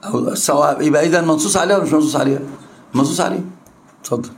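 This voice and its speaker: Rapid-fire, with vocal fry and a slightly high voice, an Egyptian-accented Islamic scholar presses his students with repeated questions throughout an interactive religious lesson.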